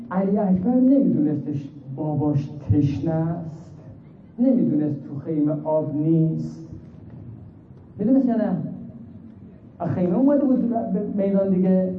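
Male preacher, high-pitched and impassioned, phone-quality audio, swings hushed to loud in a sermon. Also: recorded from a distance. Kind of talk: religious sermon with mourning narration. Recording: echoey, phone-like, faint noise.

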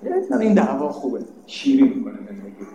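A man's voice: mid-range voice, huge pitch swings, reverberant, noisy background. A man giving a religious sermon, emphatic and scolding, asking rhetorical questions. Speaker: preacher.

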